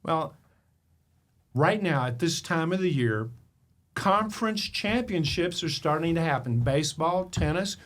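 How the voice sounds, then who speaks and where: A man hosting a motivational podcast, his voice sitting a little higher than most men's. He tells personal stories with emphasis and keeps firing rhetorical questions at the listener. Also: lively intonation, a little slow, a bit bright. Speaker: podcast host. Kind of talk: motivational storytelling.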